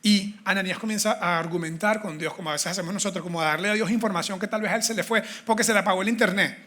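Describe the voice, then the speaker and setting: A male preacher delivers a lively sermon. His voice sits high and sounds bright and forceful. He talks in a loose, conversational way and acts out the scripture quotes. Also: very fast.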